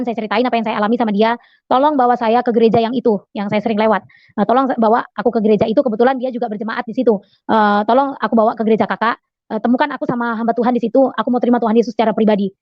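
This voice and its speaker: Woman telling her testimony at a quick clip, earnest and full of fillers; muffled, dry sound. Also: fairly high pitch, no room sound. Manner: earnest, fast storytelling with many "eh" fillers; addresses listeners as Bapak Ibu Saudara. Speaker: testimony speaker. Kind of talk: personal testimony.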